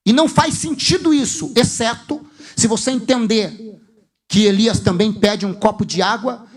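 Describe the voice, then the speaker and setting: High-voiced Brazilian pastor telling a story. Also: male voice, moderate pace. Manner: storytelling with acted dialogue, emphatic. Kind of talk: sermon.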